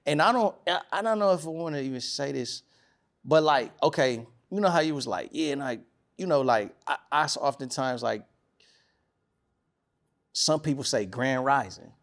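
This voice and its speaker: A man's voice: mid-range voice, lively intonation, moderate pace. Casual man rambling in a podcast chat. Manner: rambling, restarts often, emphatic when making a point. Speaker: podcast host. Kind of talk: casual studio conversation. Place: podcast studio.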